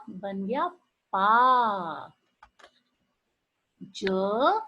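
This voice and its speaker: A woman teaching a Hindi lesson to young children, slow and encouraging, drawing out each sound and asking the class questions. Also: a little high, a bit bright, slightly rough, poor audio. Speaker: primary school teacher.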